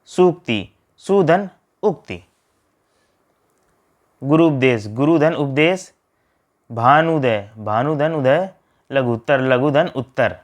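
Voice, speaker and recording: Guy teaching grammar, reads word after word then breaks each one apart, steady drill. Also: medium pitch, slow pace, long pauses. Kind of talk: grammar lesson.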